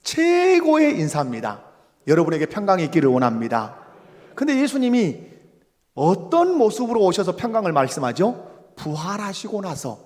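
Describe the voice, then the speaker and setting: A man's voice: sits high, wildly swooping pitch, normal speed, darkish tone, big-room sound. A man preaching a sermon in a church. He questions the congregation and acts out quoted lines. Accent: Korean. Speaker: pastor. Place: church sanctuary.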